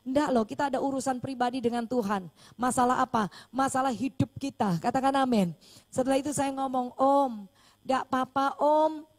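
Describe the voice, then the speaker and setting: A woman pastor, preaching a sermon and telling a story animatedly, acting out the dialogue. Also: high voice.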